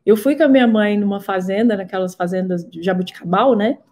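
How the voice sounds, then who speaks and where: Woman instructor, testimonial storyteller, repeats for emphasis, mellow and warm. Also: mid-range voice, a little fast. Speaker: therapy co-creator and instructor. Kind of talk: personal testimony in a talk.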